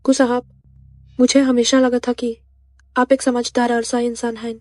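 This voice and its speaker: A woman gives voice to a wronged heroine in a dubbed drama, cool and measured. Her tone is flat, warm and mellow, set a little high. The dry studio sound has no room in it. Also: no echo, close to an everyday voice. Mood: disappointed. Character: wronged young woman, calm and defiant.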